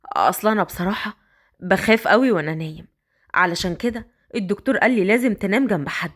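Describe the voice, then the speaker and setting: A woman with an Egyptian accent voicing a smitten older rich man who coaxes in slow, drawn-out lines. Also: mid-range voice, a bit bright, voice pushed down, natural voice. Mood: coaxing. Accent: Egyptian Arabic.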